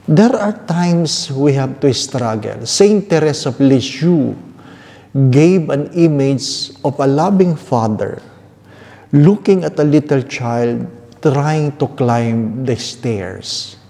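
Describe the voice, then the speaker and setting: Filipino guy priest preaching, really slow mellow voice, big cathedral echo. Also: mid-range voice, lively intonation, creaky. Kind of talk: liturgical reading and sermon. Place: large echoing church. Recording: long cavernous church reverb.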